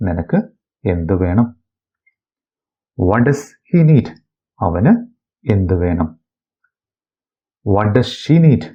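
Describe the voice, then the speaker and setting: A man from Kerala teaches a bilingual phrase lesson. He reads each sentence slowly and deliberately, then translates it. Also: deep voice, lively intonation, husky, dull audio. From Kerala, India. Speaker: English teacher.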